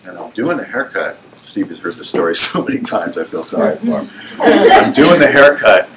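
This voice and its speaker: A middle-aged man who owns a salon, telling stories from his career in an animated way, laughing often and asking whether the listener follows. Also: deep voice, a little fast, background noise. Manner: animated, laughing, often asks "you know what I'm saying". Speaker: salon owner and hairdresser. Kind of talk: storytelling in a casual interview.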